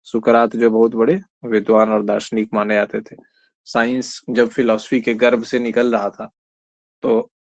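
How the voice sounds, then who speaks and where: A man's voice: fairly low pitch, a little mellow, no room sound. A man teaching an online exam-prep class. He explains step by step, quizzes his students, and mixes English terms into his speech. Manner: explains step by step, quizzes students, often says "theek hai". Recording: slightly dull lo-fi recording.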